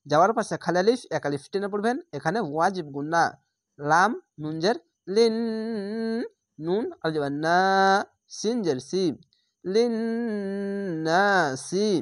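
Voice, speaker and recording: A woman teaching recitation, slowly spelling out each letter and vowel mark before blending the whole word. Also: lowish voice, expressive, dry recording, clean studio sound. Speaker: Quran reading teacher. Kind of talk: slow spelled-out recitation lesson.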